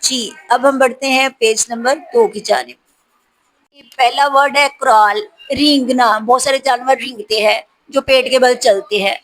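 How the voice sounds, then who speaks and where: A woman teacher reads out spelling words one by one and explains what each means, slowing down for the hard ones. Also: sits high, fairly even intonation, a bit bright, poor audio. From Pakistan. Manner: reads each word slowly, then explains it. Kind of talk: vocabulary lesson for spelling practice.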